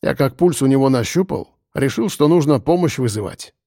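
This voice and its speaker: A man reading an audiobook, voicing a calm man who answers quietly, almost in a whisper. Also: medium pitch, fairly quick, no echo, clean studio sound. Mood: hushed. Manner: soft, hushed, even. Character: calm, quiet southern man under suspicion.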